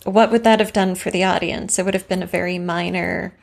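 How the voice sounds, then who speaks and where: A woman co-hosting a casual podcast conversation. Her voice carries a gravelly fry. She explains thoughtfully, working through examples. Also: lowish voice, steady tone, fairly quick. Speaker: podcast co-host. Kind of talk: casual craft discussion.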